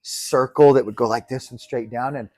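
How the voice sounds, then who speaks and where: A man co-hosting a podcast, telling a story in casual chat, rambling and swearing and getting excited as he retells it. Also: mid-range voice, normal speed. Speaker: podcast co-host. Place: resort retreat room.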